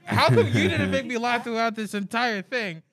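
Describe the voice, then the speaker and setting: A man's voice: sits high, wildly swooping pitch, normal speed, over loud music. A male heckler grumbling in casual banter, exasperated by the jokes he hears. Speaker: heckling listener.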